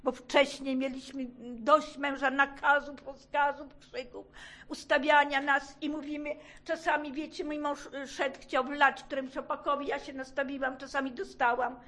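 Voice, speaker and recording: A middle-aged woman with a somewhat high voice shares a personal religious testimony before a congregation. She speaks fervently and emphatically, pressing key phrases again and again. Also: flat delivery, moderate pace, a bit bright.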